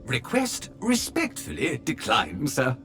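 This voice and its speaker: A man's voice: medium pitch, huge pitch swings, slow pace, vocal fry, pushed and bright, faint music behind, heavily acted. An actor voicing a polite, fawning male butler robot who speaks formally and calls everyone sir, in a video game. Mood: deferential. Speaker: butler droid.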